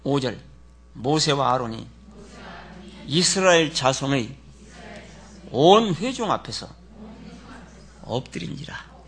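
A pastor preaching to a congregation, swinging from loud dramatic outbursts to soft near-whispers. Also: male voice, mid-range voice, sing-song, takes it slowly, long pauses. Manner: dramatic, shouts in character then drops to near whispers. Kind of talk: sermon with congregation repeating verses.

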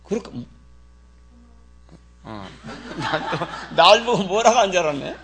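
A male pastor delivering a sermon in church, telling stories with lively swings between low muttering and loud scolding. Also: a little slow.

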